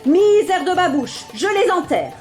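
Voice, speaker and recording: A woman voicing a stingy old merchant who grumbles in exasperation, in a high, lively voice. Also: a little slow, faint music behind, full character voice. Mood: exasperated. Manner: exasperated complaining.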